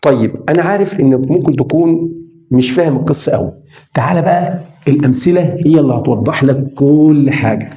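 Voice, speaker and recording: A man's voice: on the high side, mellow. Egyptian man teaching English phonics. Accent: Egyptian Arabic. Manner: repeats sounds slowly, addresses the viewer directly. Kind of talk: phonics lesson for beginners.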